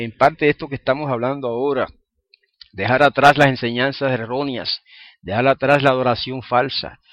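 A medium-pitched man preaches an informal sermon in a dry, dull-sounding recording. He's conversational, constantly checks in with listeners through frequent "¿ah?" and "¿verdad?", and chuckles between points.

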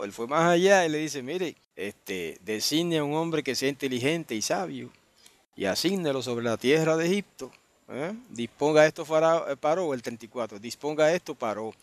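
In an online group meeting, a medium-pitched man leads a Bible study, reading verses aloud and then commenting on them. He often checks in with his listeners and thinks aloud, restarting his sentences.

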